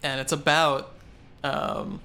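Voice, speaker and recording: A man's voice: mid-range voice, huge pitch swings, slow, creaky, pushed and bright, a little hiss or hum. A man, a songwriter guest, talking in a loose, rambling and casually profane way during an interview chat.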